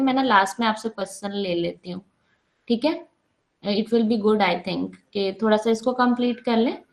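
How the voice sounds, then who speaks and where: A woman with a Pakistani Urdu accent teaching an online workshop, explaining step by step, mixing English terms into her Hindi-Urdu and often checking in with her listeners. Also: fairly high pitch. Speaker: psychology workshop trainer.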